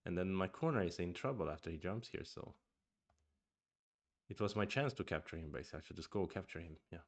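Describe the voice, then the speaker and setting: On stream, a man goes over go games he played himself, talking casually, muttering asides and restarting as he thinks aloud; Swedish is his first language. His low voice is animated and quick.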